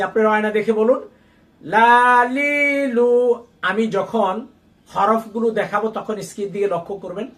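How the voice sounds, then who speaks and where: A man teaching Quran recitation, spelling out each letter and vowel mark, then repeating the syllables in a slow, sung drawl. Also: sits high, fairly bright tone, far from the mic. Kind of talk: slow drilled letter-by-letter lesson.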